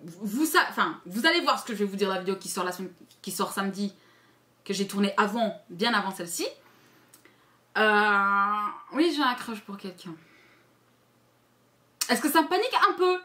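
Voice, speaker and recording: A woman vlogger chats openly to her viewers, with blunt, crude wording and lots of restarts. She swings from loud, excited remarks to quick muttered asides, in a voice of ordinary height. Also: mid-range voice. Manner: chatty, candid and crude, with many restarts; playful, jumping between loud and mumbled asides. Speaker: YouTuber. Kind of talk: casual vlog chat to camera.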